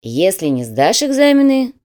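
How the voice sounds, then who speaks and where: A woman's voice: mid-range voice, sing-song, dark tone, pitched above the performer's own voice, close to an everyday voice. A woman doing a stern official manager. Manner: brisk, official, mocking. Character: stern middle-aged male admissions manager.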